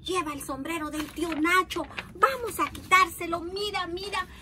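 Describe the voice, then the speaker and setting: Lady doing naughty little boys, high and excited, noisy recording. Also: normal speed. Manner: excited calling, conspiratorial hushing. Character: two mischievous young boys, bold. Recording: steady background noise.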